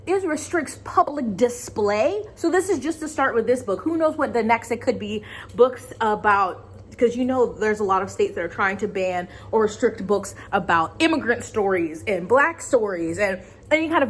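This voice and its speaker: A woman with a fairly high voice gives casual opinion commentary as a video host. She is conversational and emphatic, with an exasperated edge.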